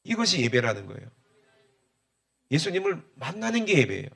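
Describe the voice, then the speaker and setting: A man's voice: fairly high pitch, big pitch swings, a little fast, creaky, fairly bright tone. A middle-aged man, preaching a sermon as pastor and often calling the congregation for an amen.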